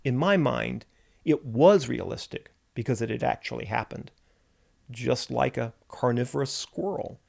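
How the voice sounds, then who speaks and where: A man's voice: medium pitch, measured pace, creaky, a little mellow. A man, a writer, delivering a reflective spoken essay in a musing, wry and self-deprecating way.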